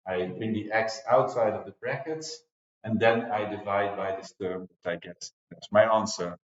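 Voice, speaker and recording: Speaking at a normal pace in a fairly low, steady voice, an English-speaking man in his forties gives a math lecture at a whiteboard. As a university lecturer he explains step by step, often using fillers. A far camera mic records the indoor classroom, leaving the sound dull and roomy.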